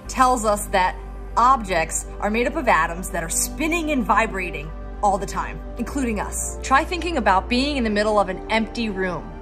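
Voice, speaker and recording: This woman, in her thirties and from Pennsylvania, USA, speaks in a mid-range voice with a Philadelphia accent. A professional organizer, she gives an upbeat, encouraging talk to camera, sprinkled with self-deprecating asides.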